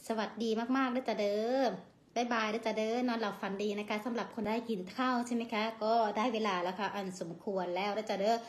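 A woman's voice: on the high side, fairly even intonation, quick pace, a little hiss or hum. A woman with an Isan accent, hosting a casual live stream, reading out and thanking viewer comments. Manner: chatty, reads out viewer comments and thanks them; refers to herself by name in the third person.

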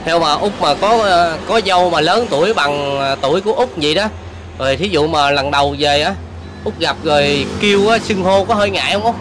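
A man's voice: a little high, a little fast. A man with a Southern Vietnamese accent, asking questions politely and deferentially. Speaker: interviewer. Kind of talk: casual interview. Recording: street noise behind.

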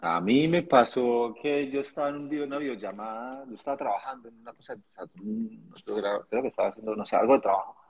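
A man's voice: medium pitch, fairly even intonation, quick pace, few pauses, slightly rough, highs cut off. A man, a director of photography, chatting casually about filming, talking loosely with slang. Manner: laughing storyteller, slangy. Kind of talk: casual chat.

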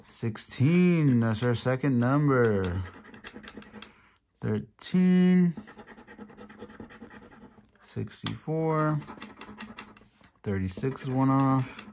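A man's voice: medium pitch, drawn-out words, pauses often. A man hosting a casual tabletop video, giving running commentary and calling out numbers in short, clipped phrases. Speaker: host of a scratch-off ticket video. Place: indoor tabletop in a room. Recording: steady scratching and clicking noise. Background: scratching of lottery tickets, clicks.

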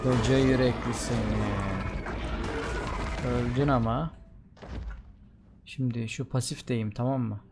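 A man's voice: mid-range voice, fairly even intonation, slow, long pauses, music in the background. Exasperated man narrating his gameplay. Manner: frustrated, exclaiming, talking to himself and the game. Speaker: gameplay streamer. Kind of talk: live gameplay commentary.

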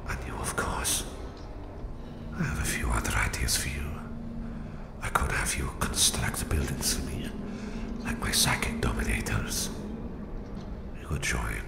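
Yuri, extremely deep whispering Russian villain. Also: male voice, exaggerated voice. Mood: gloating menace. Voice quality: very deep, gravelly, breathy whisper. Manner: slow, deliberate, sinister. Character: menacing Russian psychic villain, a cold, gloating captor. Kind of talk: whispered ASMR villain roleplay. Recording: roomy, echoing voice.

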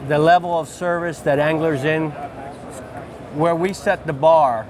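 A fishing lodge outfitter in his forties narrates his story at a busy indoor trade-show booth, full of enthusiasm and repeated phrases. His voice, on the high side, stays steady and unhurried, and the lapel mic picks up a noisy background of crowd chatter.

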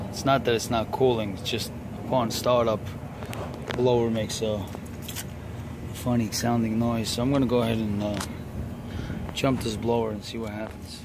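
Profane young man on a noisy rooftop. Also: fairly low pitch. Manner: blunt, profane, joking with his apprentice. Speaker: HVAC technician. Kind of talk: casual on-the-job vlog narration. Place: outdoors on a building rooftop. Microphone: handheld phone camera. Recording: noisy rooftop with air-conditioning units. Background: air-conditioning hum and traffic.

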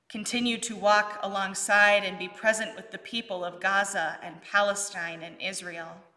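A middle-aged woman pastor leading worship in a church sanctuary, reading the creed and prayers in a measured, solemn way with her arms raised. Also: mid-range voice, sharp tone, big-room sound. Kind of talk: leading liturgy and intercessory prayer. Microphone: fixed camera at mid distance.

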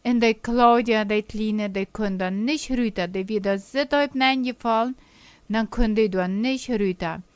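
Slow older woman. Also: on the high side, clear, resonant tone, no echo. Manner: slow, gentle storytelling with dialect words. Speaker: children's storyteller. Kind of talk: telling a children's story.

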